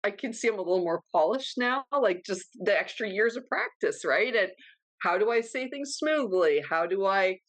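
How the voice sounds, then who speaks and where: A woman in her thirties talks fast and animatedly in a casual podcast chat. Her voice sits at a middle pitch. The recording is close and dry, with no room sound. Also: no echo. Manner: fast, animated, self-described freight-train talker. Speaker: podcast co-host.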